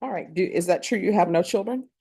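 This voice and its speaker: A woman judge reading formal plea questions in a brisk, set manner, heard on a courtroom recording. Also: on the low side, dark tone, breathy edge.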